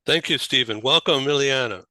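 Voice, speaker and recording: Bright-voiced male talk show host. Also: medium pitch, brisk, no echo. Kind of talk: casual video-call interview.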